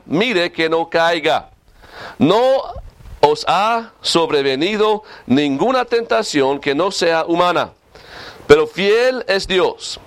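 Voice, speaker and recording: A man with a somewhat high voice preaches and prays to his congregation in an earnest, halting way, full of fillers and restarts. His voice is close to the mic and dry, with no room sound around it. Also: fairly bright tone, no echo. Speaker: pastor. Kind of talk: sermon with prayer. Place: church.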